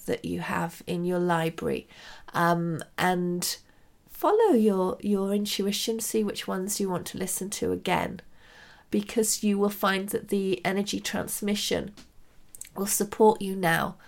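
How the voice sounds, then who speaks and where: Female spiritual teacher, medium pitch, gravelly fry, gentle measured phrasing with frequent pauses. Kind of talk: unhurried spiritual guidance talk.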